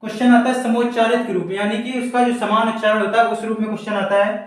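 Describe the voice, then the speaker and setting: Guy teaching at a board, high voice, asks questions then says the words over slowly, sounds far from the mic. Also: flat delivery. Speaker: Hindi teacher. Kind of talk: board lesson for exam students. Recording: very echoey room, mic far off.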